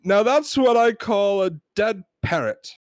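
A man's voice: unhurried, a little hiss or hum. A man voicing an indignant English customer complaining about a dead parrot, in a put-on British accent. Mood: fed up. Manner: high-pitched, loud, exasperated.

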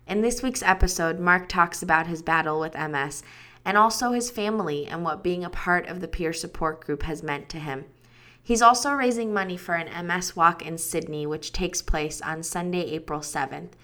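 Bright, upbeat woman hosting a podcast. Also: fairly low pitch, moderate pace. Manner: upbeat, enthusiastic delivery. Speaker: podcast host. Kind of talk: scripted podcast intro.

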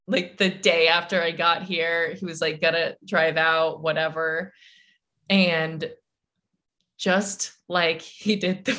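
Chatty woman with a bright voice. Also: medium pitch. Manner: chatty storytelling, fillers, laughs and swears. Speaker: podcast co-host. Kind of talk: casual chat.

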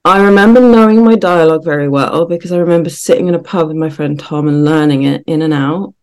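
A woman's voice: deep voice, fast, a little mellow, clean tone. A woman guest on a podcast, reflecting on memories in casual chat.

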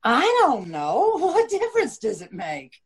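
A woman's voice: a little high, wildly swooping pitch, measured pace, breathy edge, heavily acted. A woman playing a chatty, slangy young female hitchhiker in an old-time radio drama. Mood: puzzled. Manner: slangy, folksy, exclaiming. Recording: video call recording.

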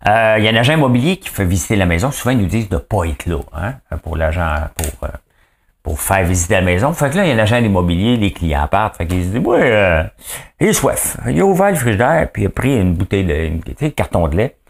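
A man's voice: low voice, animated, fast. A man with a Quebec French accent hosting a daily news podcast, commenting casually in a rambling, chatty way with many fillers and asides.

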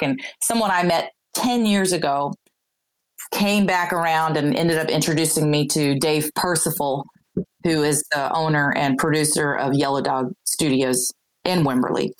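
A woman with a notably low voice talks as a guest in a casual interview. She is a singer-songwriter from Texas. She rambles warmly through her story, restarting sentences and dropping in fillers as she goes. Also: low-quality recording.

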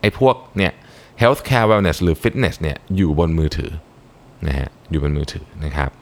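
A man's voice: low-pitched, expressive, unhurried. A man with a Thai accent explaining business research findings in a solo talk, mixing in English terms and polite particles. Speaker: podcast host.

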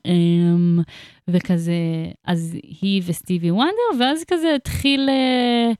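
Chatty young woman, smooth voice. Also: mid-range voice, darkish tone, no room sound, studio quality. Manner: chatty, filler-heavy slangy speech. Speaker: musician guest. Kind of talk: casual interview chat.

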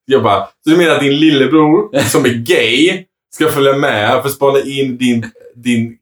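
Man, animated storyteller, acts out the lines of each person, laughs often; mid-pitched voice. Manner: animated storyteller, quotes others with "jag bara", laughs often. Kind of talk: casual chat, anecdote.

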